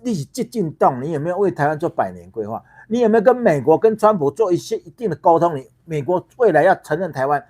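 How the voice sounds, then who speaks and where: A middle-aged Taiwanese man, founder of a political party, hosts his own livestream in a heated monologue. His fairly high, slightly mellow voice swings sharply up and down as he fires rhetorical questions, trips over repeated words and curses freely.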